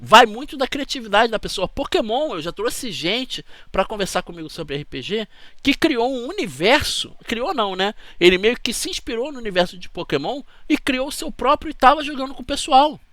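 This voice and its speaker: A man's voice: extremely high pitch, very animated, moderate pace, a bit bright, dry recording. A man with a Brazilian Portuguese accent, hosting his channel in a chatty, rambling talk to camera that keeps checking in with the listener. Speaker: channel host.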